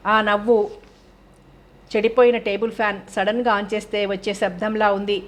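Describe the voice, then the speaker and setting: A woman narrating a novel as an audiobook in a calm, steady storytelling manner. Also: mid-range voice, moderate pace.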